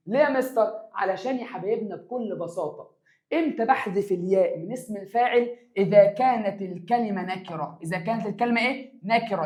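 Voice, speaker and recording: A man teaching an exam review of grammar in an Egyptian accent, stretching words for emphasis and answering his own questions. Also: high voice. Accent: Egyptian Arabic. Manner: lively, stretches words for emphasis, calls students "my dears". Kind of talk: exam review lesson for secondary students.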